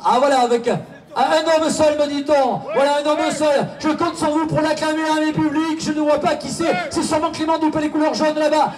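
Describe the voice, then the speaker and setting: A man commenting a bike race live over a loudspeaker, repeating lap counts and urging the crowd to applaud. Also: very high-pitched, steady tone, brisk, over music. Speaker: race announcer. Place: outdoors at a roadside bike race. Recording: distant PA voice, outdoor ambience.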